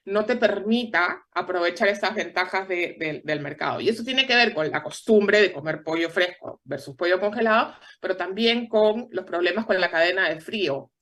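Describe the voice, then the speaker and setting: A woman from Peru with a Peruvian Spanish accent, a guest explaining things in measured interview answers with frequent tag questions. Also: fairly low pitch, a bit bright. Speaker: guest analyst.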